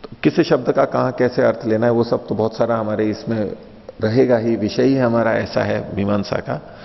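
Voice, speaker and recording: A man's voice: medium pitch, fairly even intonation, normal speed, vocal fry. A man teaching philosophy in a patient lecture, repeating and rephrasing his points and asking the listeners questions. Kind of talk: explanatory lecture with stories. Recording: dull lo-fi recording in a reverberant hall.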